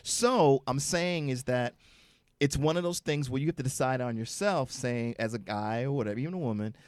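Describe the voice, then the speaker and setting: A man of ordinary pitch tells a candid story on a talk show, slipping into the voices of the people he quotes. His voice is recorded close and dry, with no room sound. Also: normal speed, a little mellow, smooth, dry recording. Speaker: co-host. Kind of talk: casual chat. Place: studio.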